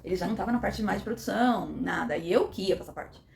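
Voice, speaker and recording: A woman's voice: mid-range voice, fast, vocal fry, a little mellow, slight background noise. A middle-aged woman, telling a personal story with emotion and acting out the dialogue. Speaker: vlogger.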